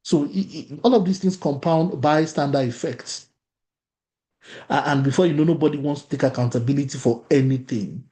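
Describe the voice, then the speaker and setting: This Nigerian-accented workshop facilitator, a native Yoruba speaker, talks fairly quickly in a dark-toned voice that sits on the high side. Throughout his interactive online workshop, he repeats phrases and poses questions to the audience.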